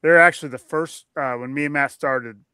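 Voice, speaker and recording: A man's voice: fairly high pitch, moderate pace, pushed and bright, clear, resonant tone, no echo. A man hosting a casual podcast livestream from home, friendly and chatty, laughing easily. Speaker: podcast host. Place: home room during a storm.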